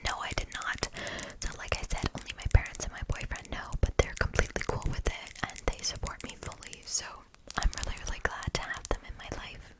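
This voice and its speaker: A woman in her twenties from Germany, whispering softly in a casual ASMR question-and-answer chat, with lots of fillers. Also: brisk, rough recording. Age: 20s. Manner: soft unvoiced whisper, chatty with fillers. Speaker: ASMR YouTuber.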